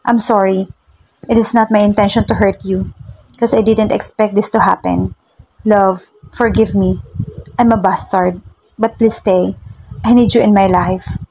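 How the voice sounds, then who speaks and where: A woman voicing a tearful young man who haltingly pleads with his wife, reading a storybook romance aloud. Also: mid-range voice, steady tone, darkish tone, slightly rough, poor audio. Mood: pleading.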